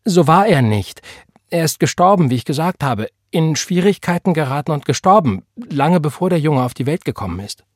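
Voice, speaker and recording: A man's voice: on the low side, moderate pace, a little mellow, slightly rough, dry recording, studio quality. A man doing a fragile young mother. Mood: tearful. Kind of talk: audiobook character voice.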